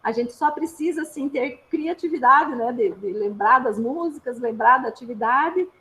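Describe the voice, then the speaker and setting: A woman's voice: sits high, animated, normal speed, fairly bright tone, low-quality recording. A woman speech therapist with a Brazilian accent, giving an informal, patient explanatory talk with frequent little tag questions. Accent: Brazilian Portuguese.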